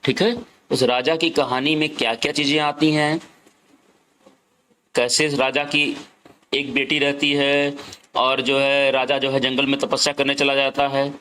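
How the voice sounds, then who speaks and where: A male English teacher explaining a lesson to children in Hindi, reading the English lines slowly and going over them again and again. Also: mid-range voice, level tone, pushed and bright. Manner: slow, repetitive, reads English lines word by word.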